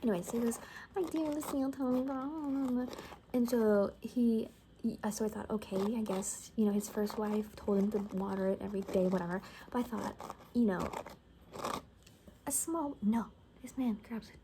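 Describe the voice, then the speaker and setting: At normal speed and with a fairly high voice, a woman does a soft-spoken ASMR roleplay as a sassy apocalypse survivor who loves gossip. She talks casually and sarcastically, often whispering, with background noise present.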